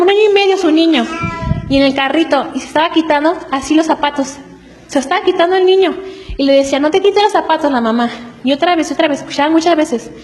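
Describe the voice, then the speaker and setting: A woman preaching to a congregation in an earnest, explanatory way, often checking in with quick rhetorical questions. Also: sits high, rough recording. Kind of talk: church teaching on family.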